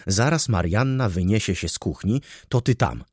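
A man's voice: on the low side, expressive, normal speed, darkish tone, breathy edge, dry recording, clean studio sound. A man voicing a flustered, anxious baroness who pleads and frets. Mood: agitated. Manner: agitated, pleading.

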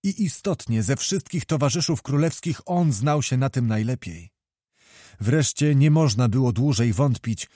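A man narrating a historical novel in a measured, expressive storytelling voice. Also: mid-range voice, no echo, clean studio sound. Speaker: audiobook narrator.

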